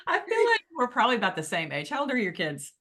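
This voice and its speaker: A woman's voice: on the high side, huge pitch swings, fast talker, fairly bright tone. A woman in her fifties hosting a casual podcast interview, playful and teasing, often laughing. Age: 50s. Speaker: podcast host.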